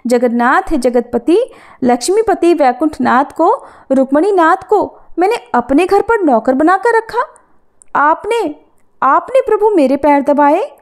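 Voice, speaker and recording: A woman's voice: sits high, lively intonation, a little slow. A woman voicing Trilochan ji, a humble male devotee, pleading tearfully in a devotional story. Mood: remorseful. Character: Trilochan ji, weeping humble old devotee man.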